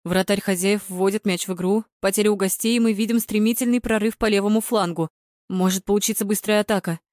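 A woman voicing a male football commentator giving measured play-by-play. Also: medium pitch, steady tone, a little mellow, dry recording, studio quality, natural voice. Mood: reporting.

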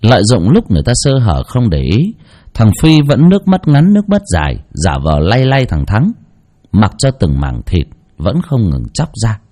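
At a normal pace, a man tells an eerie folk tale with expressive flair and scornful asides, his voice husky and mellow. Its pitch rises and falls dramatically line by line.

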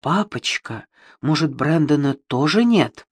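A woman's voice: sits low, animated, unhurried, slightly rough, no room sound, studio quality, heavily acted. A woman voicing a spoiled young bride who wails and pleads, reading an audiobook. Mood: anxious. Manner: wailing, pleading. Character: spoiled whiny young bride, pampered daughter.

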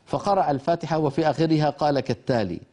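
A man's voice: fairly high pitch, rapid-fire, mellow. An older man teaching Quran recitation, patiently explaining letter sounds and demonstrating how they are pronounced. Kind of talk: lecture on pronunciation.

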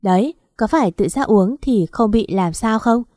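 A woman reading the lines of drunk, pushy men at a karaoke party, coaxing and pressing loudly, in a storybook read-aloud. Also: fairly high pitch, expressive, moderate pace, no echo, clean studio sound.

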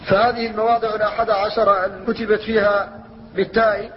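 A man with a high, flat voice lectures in a measured teaching manner, slowing down to chant quoted verses. The recording is dull and lo-fi, with a long reverb trailing through a large hall. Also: slight background noise. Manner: measured explanatory teaching, slows to recite verses. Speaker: Islamic scholar teaching Quran recitation rules.

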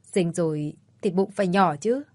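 A woman voicing a young woman friend who speaks softly and comfortingly. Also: on the low side, normal speed, no echo, close to an everyday voice. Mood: gentle. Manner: soft, comforting. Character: loyal young woman friend, gentle and steady.

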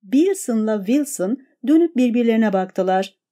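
Mellow-voiced woman reading a story. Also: fairly high pitch, normal speed. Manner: steady, expressive reading. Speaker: narrator. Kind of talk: audiobook narration.

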